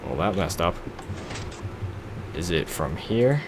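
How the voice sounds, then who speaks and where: This young gamer's let's-play commentary on a block-building game is slow and sing-song in a low voice. He rambles, teases himself and reasons aloud, and the background is noisy.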